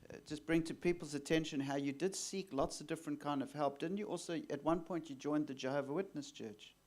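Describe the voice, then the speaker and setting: A man's voice: a little high, a little fast, darkish tone. A man hosting an onstage interview, asking leading questions and backing the guest with frequent murmurs. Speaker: host, exorcist.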